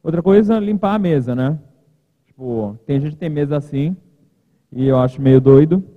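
A man's voice: on the high side, normal speed. Chatty man speaking in a reverberant hall. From Brazil. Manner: chatty, informal, joking asides. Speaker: conference keynote speaker. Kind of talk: casual conference talk. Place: large conference hall, at a podium. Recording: reverberant hall, thin lo-fi sound.

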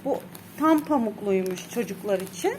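A woman's voice: lively intonation, normal speed, darkish tone, a little hiss or hum. A young woman chatting casually in a family vlog, slipping into cooing baby talk. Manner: cooing baby talk with sudden high squeals. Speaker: vlogger.

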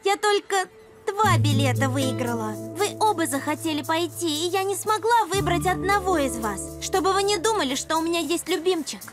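Cartoon young girl: blunt, expressive, dramatic, extremely high register, bouncy intonation. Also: normal speed, over music. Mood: remorseful. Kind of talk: dubbed cartoon acting.

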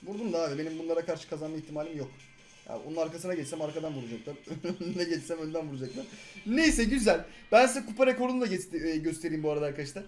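A young man in his twenties giving live gameplay commentary, excitable and often exasperated at his teammates. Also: fairly high pitch, racing, faint music behind. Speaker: gaming YouTuber.

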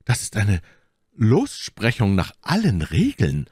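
A man's voice: lowish voice, huge pitch swings, moderate pace, vocal fry, no echo, studio quality, voice pushed up, heavily acted. A man doing a composed, pious musketeer.

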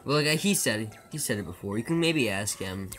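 A man with a bright, forceful voice chatting with his viewers while he speedruns. He rambles, jokes and restarts his sentences, and faint game music plays underneath. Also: on the low side, lively intonation, brisk. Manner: rambling, joking, stammering restarts. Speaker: speedrunner streaming live. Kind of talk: casual live-stream chat with viewers.

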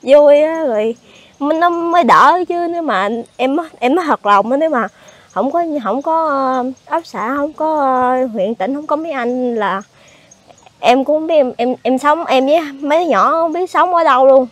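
High-pitched southern vietnamese woman, pregnant, halting answers, keeps repeating words. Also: no echo. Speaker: fire victim being interviewed. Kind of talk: emotional interview answers.

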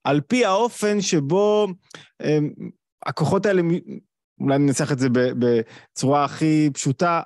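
A man's voice: fairly high pitch, dry recording. Man posing rhetorical questions, dry sound. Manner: explanatory, poses rhetorical questions. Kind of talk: live online talk.

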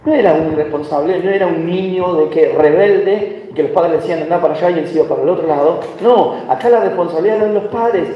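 A visiting pastor with an Argentine Spanish accent preaches in a church hall, telling stories with gentle humor and putting questions to the congregation. His voice is high and rapid with barely a pause, recorded from a distance in an echoey hall, with the highs cut off and some hiss or hum.

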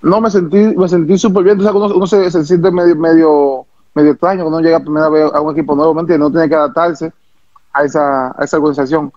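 A former baseball pitcher from the Dominican Republic with a Dominican accent, telling stories in an interview, animated and repeating himself, acting out quotes. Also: male voice, fast, no room sound, dull audio. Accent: Dominican Spanish. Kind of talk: interview storytelling.

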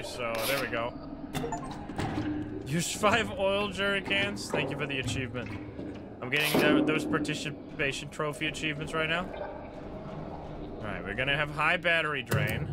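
A man's voice: on the high side, fairly quick, very noisy. A man livestreaming a video game with casual, reactive commentary, joking and talking back to the game. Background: loud game music.

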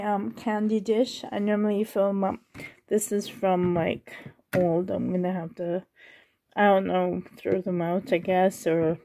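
A middle-aged woman talks to her viewers in a casual vlog style. Her delivery is slow and halting, with thoughts that wander and trail off. The pitch sits in an ordinary female range, picked up by a phone held in her hand indoors. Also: darkish tone. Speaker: vlogger. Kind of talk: casual, rambling vlog chat. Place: indoors in a living room at home. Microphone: handheld phone at arm's length.

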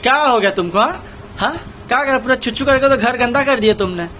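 A man's voice: very high voice, a little fast, pushed and bright. A young man chatting casually in a family vlog, playfully teasing his baby son. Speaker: family vlogger. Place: small home during rain. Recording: noisy phone recording.

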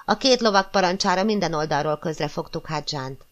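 Low-voiced woman reading a classic novel. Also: highs cut off. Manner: measured, expressive storytelling. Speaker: audiobook reader. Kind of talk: scripted narration of a classic novel.

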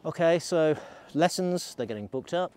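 A man's voice: a little high, expressive, moderate pace, darkish tone, clear, resonant tone. A middle-aged man, vlogging in a chatty, rambling way while out on a snowy ski slope, filming himself at arm's length. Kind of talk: casual vlog while skiing. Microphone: selfie camera at arm's length.

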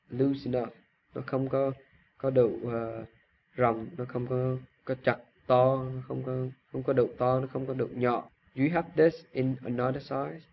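A man with a Vietnamese accent runs a casual phrase lesson, repeating lines and explaining them with halting restarts. His voice sits at a middle pitch. The recording is a little dull, with a faint hiss behind it. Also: vocal fry. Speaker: English teacher.

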